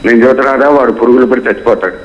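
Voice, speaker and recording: A man's voice: mid-range voice, racing. Male phone-in caller, fiery, repeats himself, moralizing, muffled phone sound. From Guntur, Andhra Pradesh. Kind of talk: phone-in call. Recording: dull phone line.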